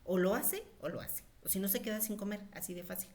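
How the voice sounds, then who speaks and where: A woman's voice: medium pitch, quick pace, a little mellow. A woman giving an informal lecture on pediatric nutrition, chatty, with many fillers. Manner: conversational, with frequent fillers and acted-out quotes of mothers.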